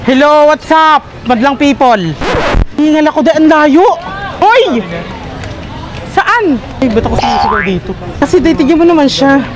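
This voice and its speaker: A vlogger chatting casually to a handheld phone camera, excitable and joking, out on city streets and in a shop. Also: sits high, fairly quick, a crowd in the background, rough recording. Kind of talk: casual vlog chat. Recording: busy street noise. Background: traffic noise.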